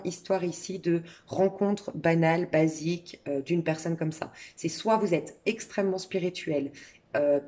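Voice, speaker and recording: A middle-aged woman speaks softly and intimately as she gives a tarot and crystal reading, addressing the listener directly. Her voice sits a little low and sounds husky. She talks in a relaxed, meandering way, full of small fillers and restarts. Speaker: tarot reader.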